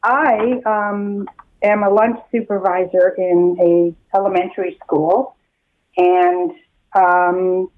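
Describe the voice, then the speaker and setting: A woman's voice: mid-range voice, steady tone. Woman on a tinny phone line. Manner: earnest, emphatic, with pauses. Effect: heard over the phone. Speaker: radio caller, lunch supervisor. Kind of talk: call-in radio chat.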